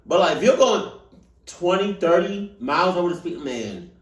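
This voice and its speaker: American male reactor, casual slangy street talk, exasperated and repetitive, animated delivery, off-mic room sound. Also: high voice, normal speed. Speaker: reaction video host. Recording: roomy echo, distant microphone.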